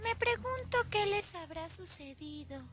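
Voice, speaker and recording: A woman's voice: very high voice, expressive, measured pace, background noise. A woman voicing a brave, kind little girl in a dubbed cartoon, earnest, curious and determined.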